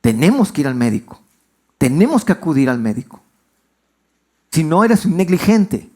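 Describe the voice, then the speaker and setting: In a church, a male pastor gives a conversational sermon, telling stories and putting questions to his congregation, his pitch swinging widely. He's very animated, speaks at a moderate pace, and has a darkish tone.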